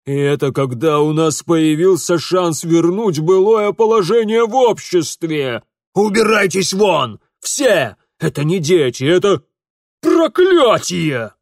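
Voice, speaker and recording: Guy doing a furious fat old dad, yelling, pitched a bit higher, dry close sound. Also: animated, slow, dry recording. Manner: bellowing, furious and blustering. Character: portly enraged noble father, older man. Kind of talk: audiobook character voice.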